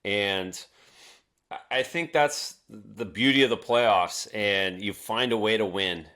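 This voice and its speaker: A man co-hosting a sports podcast, analyzing calmly and stumbling over repeated words. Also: on the low side. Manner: measured, repeats words while building a point. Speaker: podcast co-host. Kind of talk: casual sports talk.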